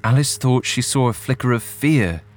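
A man narrating a ghost story in a measured, suspenseful storytelling manner. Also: mid-range voice, animated. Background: faint music.

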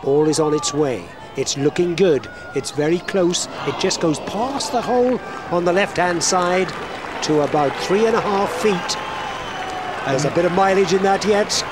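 A man's voice: high voice, moderate pace, crowd noise, noisy background. A man commentating live on golf as a commentator, building suspense in short running phrases.

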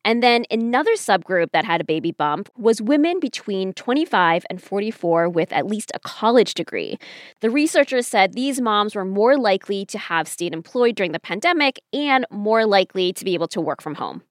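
An American woman speaks as a podcast host in a conversational, explanatory style. Her intonation is animated and mid-pitched, and the sound is dry and close. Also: normal speed, dry recording.

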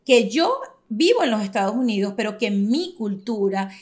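A Venezuelan woman in her forties hosting a podcast, chatting in an expressive, emphatic way and speaking straight to listeners. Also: mid-range voice, normal speed. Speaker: podcast host. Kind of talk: casual podcast chat.

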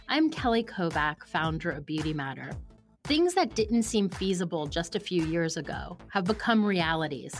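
A woman host reading a scripted introduction in a measured way. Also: on the low side. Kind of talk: scripted narration. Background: faint music.

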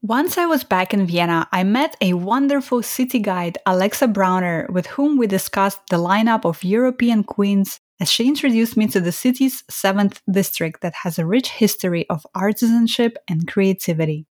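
Travel host from Estonia, dry close sound. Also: female voice, mid-range voice, normal speed, hardly any pauses, a little mellow, dry recording. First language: Russian. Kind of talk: travel narration and interview.

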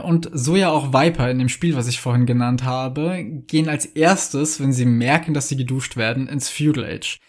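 Host guy, sets up long careful questions, mid pitch. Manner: poses long, structured questions. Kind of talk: podcast interview.

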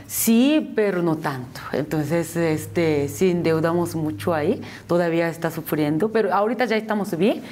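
Korean woman speaking halting Spanish. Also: fairly low pitch, darkish tone. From South Korea. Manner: halting Spanish with restarts and repeated words. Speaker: interview guest. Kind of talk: casual interview.

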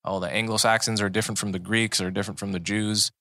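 A man's voice: fairly low pitch, fairly even intonation, fast, gravelly, pushed and bright, no echo. Man doing a mocking Southern-drawl eugenicist. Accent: put-on Southern US. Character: man voicing an early-1900s eugenicist.

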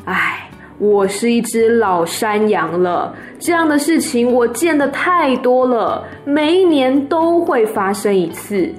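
Storybook role: a woman reading a tired old goat, blunt and sighing, high voice, soft music behind. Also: expressive, slow pace. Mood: weary. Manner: sighing, matter-of-fact.

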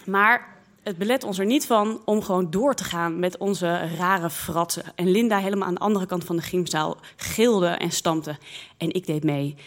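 A woman slowly and expressively telling a personal childhood story in the first person. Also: on the low side. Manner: slow, lively, expressive storytelling.

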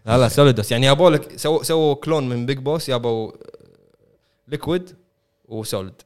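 Man, podcast chat, eager, interrupts, talks very fast. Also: mid-range voice, clear, resonant tone. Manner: eager, interrupting, addresses listeners.

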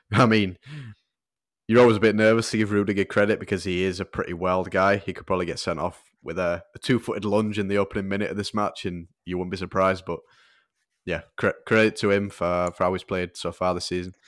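A man co-hosting a football podcast, explaining tactics in a measured, analytical way with soft fillers. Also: low voice, little pitch movement. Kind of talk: casual tactical football discussion.

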